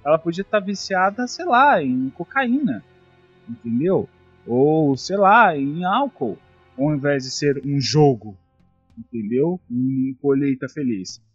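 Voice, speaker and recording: A Brazilian man hosts a casual chat, a bit high-pitched and husky, swearing as he tells stories with indignation. The recording is dull and lo-fi. Faint music plays underneath. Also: animated, slow pace. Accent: Brazilian Portuguese. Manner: profane, indignant storytelling. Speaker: podcast host.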